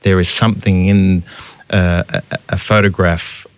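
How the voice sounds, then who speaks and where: This is a deep, clean-toned male voice delivered flatly at a measured pace. The speaker, a photographer who also teaches, gives a reflective interview, pausing to find words and restarting often as he thinks.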